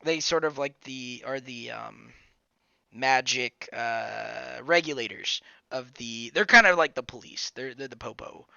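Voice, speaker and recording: A man running a tabletop game as game master, halting, with many ums and uhs. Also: mid-range voice, creaky, pushed and bright, dry recording, dull audio. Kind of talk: narrating a tabletop game over a call.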